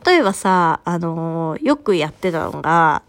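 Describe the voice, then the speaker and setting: With a low, unhurried voice, a woman in her thirties co-hosts a casual podcast, telling stories animatedly and laughing frequently.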